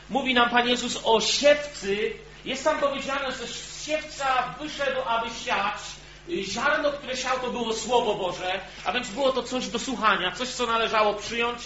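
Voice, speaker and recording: Preaching to an assembled congregation, a man with a very high, sharp-toned voice speaks earnestly and questions his listeners directly. Echo, a dull quality and a faint hum mark the recording.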